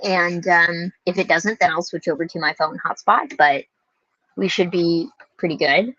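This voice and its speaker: A woman's voice: lowish voice, moderate pace, bright, forceful tone, dry recording, muffled recording. An American woman hosting a casual livestream from inside a small camper, talking in an informal, rambling way. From United States, lives in Louisiana. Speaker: livestream host.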